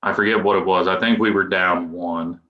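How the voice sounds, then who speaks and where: Deep-voiced young man in an echoey room. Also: steady tone, moderate pace. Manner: rambling, loose, with restarts and chuckles. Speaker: guest, professional baseball pitcher. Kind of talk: casual podcast interview. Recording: echoey room, dull lo-fi sound.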